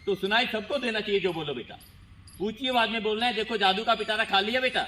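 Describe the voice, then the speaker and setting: A man's voice: sits high, fast talker. A man performing as a stage magician at a school event, telling stories and repeatedly addressing the children. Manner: repetitive, lively storytelling, keeps addressing the children. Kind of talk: magic show patter for schoolchildren. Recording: noisy school show recording.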